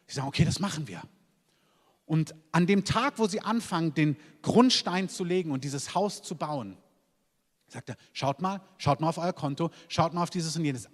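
A man preaching a sermon as a pastor, emphatic, punctuating points with repeated calls of "Amen". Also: a little high. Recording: long hall reverb.

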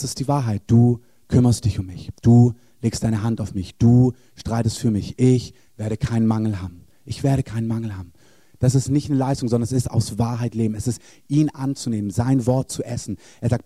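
A man's voice: medium pitch, warm tone, no echo. A man preaching a charismatic sermon in a church, speaking encouragingly and directly to the congregation.

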